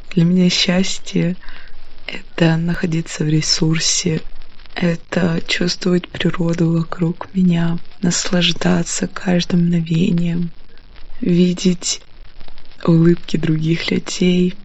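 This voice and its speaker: Flat, slow young woman, lo-fi. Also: on the low side. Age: 20s. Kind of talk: reflective monologue. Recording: dull lo-fi recording.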